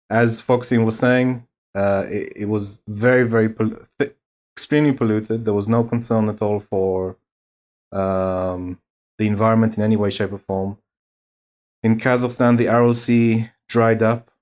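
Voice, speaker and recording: Low-voiced man arguing a point deliberately. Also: fairly even intonation, a little mellow. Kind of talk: informal political debate, explaining arguments.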